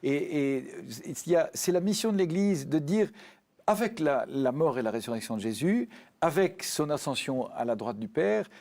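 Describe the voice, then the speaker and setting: A man's voice: on the high side, expressive, normal speed, darkish tone. Earnest man in a spiritual discussion. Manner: earnest, repeats words while searching for them. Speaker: guest speaking on faith.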